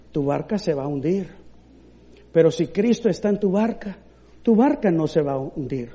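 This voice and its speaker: A man preaching a sermon and closing in prayer, swinging from soft passages to loud ones. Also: high-pitched, dull audio. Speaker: pastor.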